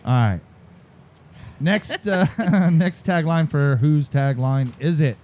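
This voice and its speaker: Man host, animated voice, a bit high, teasing, laughs a lot. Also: takes it slowly. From Florida. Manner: joking, teasing, laughs often. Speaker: podcast host. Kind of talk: casual radio chat.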